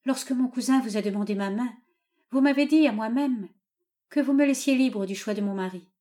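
A woman reading aloud, voicing a distressed young daughter who gently stands up to her father. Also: on the high side, a little fast, pitched above the performer's own voice, lightly acted. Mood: pleading. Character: heartbroken young daughter, gentle but firm.

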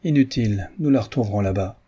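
Man doing a gruff boastful police inspector. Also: fairly low pitch, fast, warm tone. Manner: gruff, blunt. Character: brusque, boastful middle-aged police inspector.

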